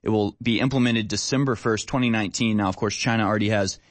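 A man hosting a radio show, giving measured news commentary with hesitant phrasing. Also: lowish voice, fairly even intonation, no echo.

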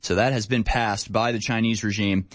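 A man hosting a radio show, giving measured news commentary with hesitant phrasing. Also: lowish voice, fairly even intonation, no room sound.

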